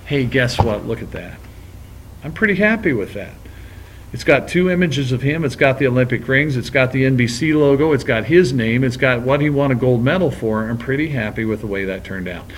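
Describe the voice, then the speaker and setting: A man of ordinary pitch walks through a screen-recorded software lesson, narrating each click in a relaxed, easygoing way. His voice sits close to a desktop mic with a faint hum of room ambience behind it. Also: fairly quick. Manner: relaxed, talks through each step as he works. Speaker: graphics teacher.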